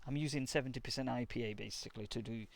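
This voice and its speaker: Walking from room to room in his indoor workshop, a man from England reviews a wireless earpiece and then a wired headset in a casual test vlog. His mid-range, creaky voice wanders and halts, packed with fillers and repeated "basically."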